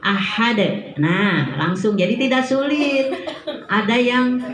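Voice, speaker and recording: Slow, echoey woman teaching recitation. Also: on the high side, expressive, a bit bright. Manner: patient, demonstrates recitation slowly, chuckles often. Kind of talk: tajwid lesson to women's study group. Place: study-group room indoors. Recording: echoey room.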